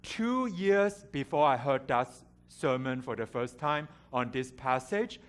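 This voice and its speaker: A man's voice: medium pitch, measured pace. Man, from Hong Kong, middle-aged, guest preacher, candid storytelling sermon, wry humor. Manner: candid, self-deprecating, with light humor. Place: church sanctuary.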